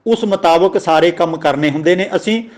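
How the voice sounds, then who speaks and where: A man with a Punjabi accent giving a religious grammar lesson, slowly spelling out words and their pronunciation. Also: a little high. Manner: slow, deliberate, spells out words letter by letter. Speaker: teacher of scripture grammar.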